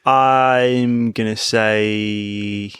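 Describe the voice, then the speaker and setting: A man's voice: fairly low pitch, fairly even intonation, very slow, a bit bright, clean tone, no room sound, clean studio sound. A man co-hosting a sports podcast, talking in a thoughtful, musing way and laughing easily. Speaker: podcast co-host. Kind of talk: casual chat.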